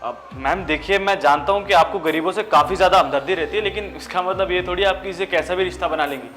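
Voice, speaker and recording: A man's voice: sits high, fast talker, a bit bright, faint music behind. An actor playing a snobbish, rude male office worker who sneers at others while fawning over his boss. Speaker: office operator.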